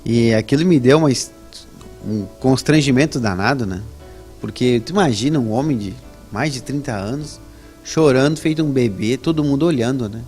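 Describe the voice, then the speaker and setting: A man's voice: moderate pace, faint music behind. A man, a guest telling his personal religious testimony in a conversational way, often ending sentences with a questioning tag. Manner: lively storytelling with rising pitch on emphasis. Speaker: interview guest.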